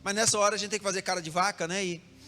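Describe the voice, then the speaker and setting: A young Brazilian pastor preaches in a high, lively voice, spinning a story through rhythmic repeated phrases. He turns often to speak straight to his congregation. His voice rings through a hall with long reverb and soft music underneath. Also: rapid-fire. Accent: Brazilian Portuguese. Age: young adult. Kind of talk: sermon. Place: church hall.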